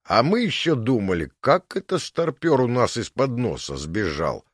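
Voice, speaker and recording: A coarse giant thug in a spoken storybook, jeering in a resonant bass with big swings of pitch. A man acts him out in a dry, close sound. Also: very animated, normal speed, no echo. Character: crude mocking giant twin thug.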